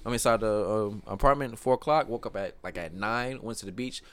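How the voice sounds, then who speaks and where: Laid-back low-voiced man guest. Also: fairly bright tone. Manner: loose and profane, drawn-out storytelling. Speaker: podcast guest. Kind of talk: casual chat.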